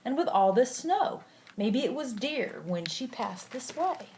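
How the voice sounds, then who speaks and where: A woman's voice: on the high side, very animated, a little slow, warm tone. Considerate male storybook goat , played by an older woman, mildly fussy and thoughtful, slight background noise. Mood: surprised, musing. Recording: clearly noisy home recording.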